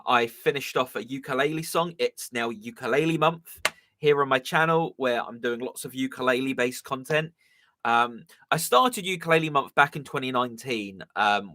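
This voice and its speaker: In casual chat on his live stream, a young southern English musician rambles along with frequent ums and uhs. His medium-pitched voice comes across pushed and bright, with a slight strain.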